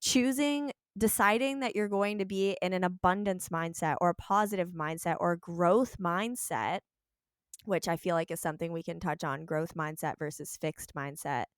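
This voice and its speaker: Woman, podcast host, lowish pitch, smooth voice, reflective, dry close mic. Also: normal speed, no room sound. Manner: reflective, thinks aloud with many "like"s. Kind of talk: casual podcast chat.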